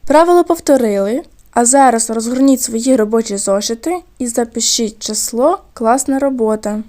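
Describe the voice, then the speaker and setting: Woman teacher doing a video lesson for little kids, kinda high voice, slow clear words. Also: mellow. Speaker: primary school teacher. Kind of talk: recorded video lesson for second graders.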